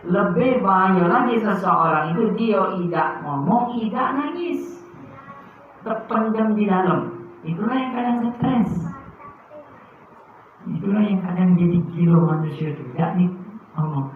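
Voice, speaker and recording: A man preaching, moving from soft, tender lines to loud, emphatic bursts. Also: high-pitched, animated, unhurried, long pauses, slight background noise. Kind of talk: sermon. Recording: very echoey, phone-like muffled sound.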